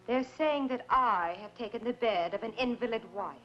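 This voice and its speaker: A proud, defiant widow accused of witchcraft, played by a woman, with a high voice and theatrical, old-fashioned declamation. The sound is dull and lo-fi, like an old 1960s film soundtrack. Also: normal speed, lightly acted. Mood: accusing. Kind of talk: early 1960s film acting.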